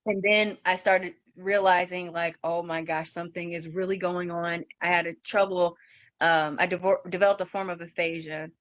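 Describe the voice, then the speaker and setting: A young woman in her twenties telling her story in an interview, halting, with fillers and restarts, and acting out what others said in a raised voice. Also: lowish voice, flat delivery, a bit bright, no room sound. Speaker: guest sharing her story.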